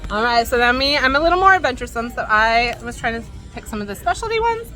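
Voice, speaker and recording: A woman's voice: fairly high pitch, big pitch swings, fast, sharp tone, soft background music. A woman chatting casually in a travel vlog, reviewing food outdoors and talking with her mouth full. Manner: chatty, talks while eating, laughs often. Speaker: travel vlogger. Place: outdoors at a cruise line's island stop.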